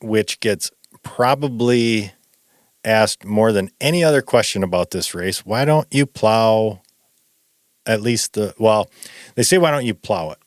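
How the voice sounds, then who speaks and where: A relaxed man in his forties talks through a running podcast in a loose, rambling way, with a low voice and a quick laugh. The sound is dry and close, with no room around it. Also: dry recording. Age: 40s. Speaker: podcast co-host. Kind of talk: casual chat.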